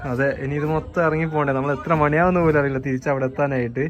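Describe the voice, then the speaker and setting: A male travel vlogger narrates casually as he walks outdoors through the hills and village market of a tea estate, chatting and guiding viewers while often tagging sentences with "you know." His medium-pitched voice is steady but racing, and the recording is muffled, with a crowd in the background.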